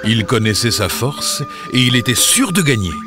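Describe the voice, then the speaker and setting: A man's voice: mid-range voice, big pitch swings, normal speed. Male narrator, children's fable, dramatic storytelling, music underneath.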